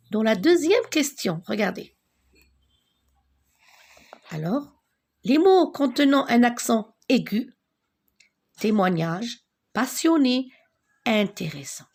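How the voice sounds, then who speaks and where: A woman teaching a French spelling lesson, talking slowly and deliberately and repeating key words for emphasis. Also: on the high side, creaky, a little mellow.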